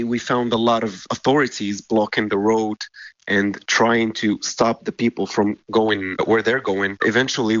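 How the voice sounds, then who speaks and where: A man speaks as a live interpreter, relaying someone's story in the first person with steady, measured delivery and short pauses. His voice sits low. The recording is dry and a little dull, with no room sound. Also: no echo.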